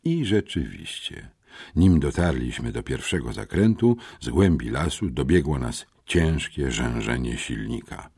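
A man narrates an adventure audiobook in the first person. His voice is very deep with a husky grain, and his delivery swings widely in pitch as he tells the story. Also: lively intonation, a little slow, a little mellow.

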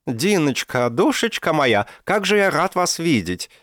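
A man voicing an excitable, theatrical professor in his sixties who rolls his R softly, in an audiobook. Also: on the high side, unhurried, no echo, studio quality, pitched above the performer's own voice. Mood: effusive. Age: 60s. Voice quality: soft burred R. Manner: theatrical, exclamatory. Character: excitable old male professor, theatrical and haggling. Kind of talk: audiobook character voice.

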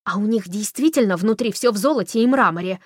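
A woman voicing an eccentric, pushy older widow who talks loudly and insistently. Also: mid-range voice, quick pace, husky, no room sound, studio quality, natural voice. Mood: nosy. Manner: loud, insistent, gossipy.

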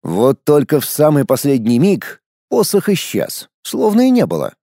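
Male narrator, audiobook, mellow, lively pitch, dry close recording. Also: moderate pace, creaky, dry recording. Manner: lively storytelling with acted dialogue. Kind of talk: scripted narration.

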